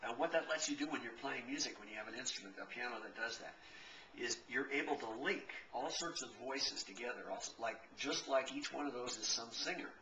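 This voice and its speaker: A man's voice: mid-range voice, brisk, bright, forceful tone, slight background noise. A middle-aged man explaining piano tone in a casual, rambling way, often correcting himself mid-sentence. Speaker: piano technician. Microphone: camcorder. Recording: echoey room, camcorder from a distance.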